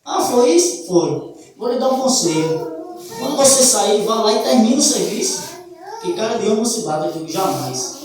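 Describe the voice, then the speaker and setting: A man's voice: extremely high pitch, very animated, moderate pace, recorded from a distance. A Brazilian man gives a fervent church testimony, often turning to his listeners as brothers. His voice rings through a very reverberant hall, caught from well back from the mic, with a faint hiss of noise underneath. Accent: Brazilian Portuguese. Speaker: church member giving testimony.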